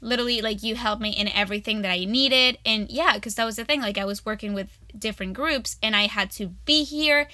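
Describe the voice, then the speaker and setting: A woman's voice: on the high side, fairly quick, hardly any pauses, pushed and bright, no room sound. A young woman co-hosting a student podcast, chatting in a bubbly, gushing way full of fillers. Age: young adult. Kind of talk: casual chat.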